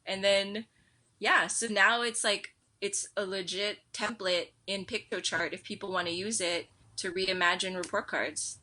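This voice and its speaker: An American woman chatting as an interview guest. Her voice is bright and pushes forward, and she jumps into quoted voices as she tells her story. Her pitch sits in the middle range. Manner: animated storyteller, quick with fillers and quoted asides. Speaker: edtech director, podcast guest. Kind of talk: casual interview conversation.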